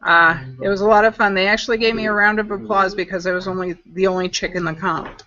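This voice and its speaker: A woman's voice: mid-range voice, fairly even intonation, fast, bright, forceful tone, muffled recording, slight background noise. A woman chatting casually on a live stream as a guest, explaining a coil build as she works. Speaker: guest e-juice maker demonstrating coil builds.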